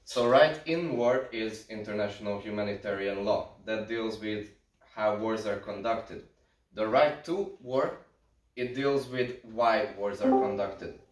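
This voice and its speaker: A man from Hungary in his thirties giving a guest lecture to a class, relaxed and explaining steadily with dry humour. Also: on the low side, unhurried. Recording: echoey classroom from far off, faint hiss.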